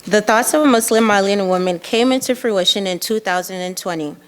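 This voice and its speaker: Woman with a smooth, clear voice. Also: mid-range voice, brisk, in a large hall. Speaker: panelist. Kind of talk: personal story speech.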